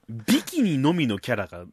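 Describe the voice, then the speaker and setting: A man's voice: medium pitch, darkish tone, a little hiss or hum. A man in his early thirties from Hakata, co-hosting a podcast in casual chat and teasing with frequent laughs. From Hakata, Fukuoka. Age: early 30s. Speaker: podcast co-host.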